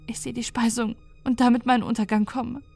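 A woman's voice: on the high side, level tone, quick pace, gravelly, a little mellow, voice pushed up. A woman voicing a young female alien weaver who pleads in fearful despair, over faint background music. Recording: dry close recording with faint music.

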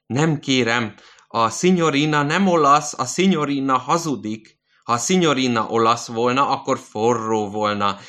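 A man voicing a raving old male hospital patient who shouts in a shrill, scornful voice. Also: close to an everyday voice.

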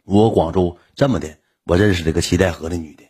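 A man with a Northeastern Chinese accent tells his story to viewers in a blunt, colloquial manner. His voice is low and very husky. He talks at a rapid clip. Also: mellow. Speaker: livestreamer telling his own story.

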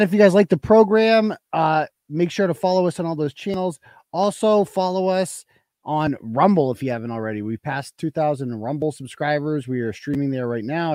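A man's voice: a little high, no echo. A man hosting a casual livestream, talking in a blunt, slangy, rambling way with some swearing. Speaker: livestream host and blogger.

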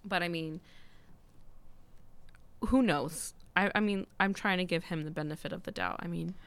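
A woman's voice: lowish voice, moderate pace, a bit bright. A young woman student chatting casually, rambling with many fillers. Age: young adult. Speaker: student discussing politics. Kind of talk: casual chat.

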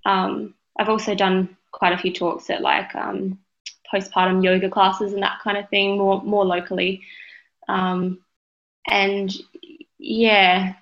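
Aussie woman being interviewed, gravelly fry in her voice, thoughtful n hesitant, slightly muffled lo-fi audio. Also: mid-range voice, fairly bright tone. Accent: Australian. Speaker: interview guest, parenting advocate. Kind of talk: conversational interview.

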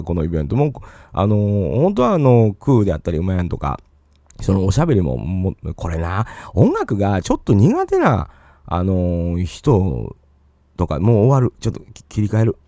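A man with a Kansai Japanese accent hosts a casual solo podcast, rambling along with plenty of fillers and asides. His mellow voice sits fairly low but swings hugely in pitch, at a moderate pace. The studio-quality recording has no room sound.

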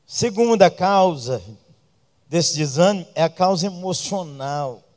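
A Brazilian man preaching a sermon as pastor, joking with the congregation and breaking into loud outbursts. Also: high-pitched, lively intonation, unhurried, in a large hall.

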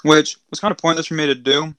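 A man's voice: on the high side, little pitch movement, fast talker, a bit bright, clear, resonant tone, dry recording, rough recording. A man co-hosting a podcast in casual chat, crude and joking, chewing snacks as he talks. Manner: crude, joking, laughs a lot. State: eating while talking. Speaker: podcast co-host.

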